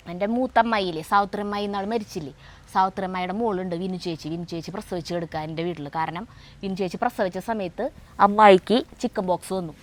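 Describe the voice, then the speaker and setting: A middle-aged woman, telling a story in a chatty way, full of fillers and self-corrections, in a home kitchen. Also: mid-range voice. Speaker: co-host of a family cooking vlog. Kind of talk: casual storytelling.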